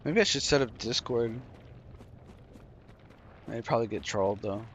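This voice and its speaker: A man with a mid-range voice speaks at a normal pace while explaining his play in a laid-back, tired way, yawning at times. He uses a desk microphone, with slight background noise.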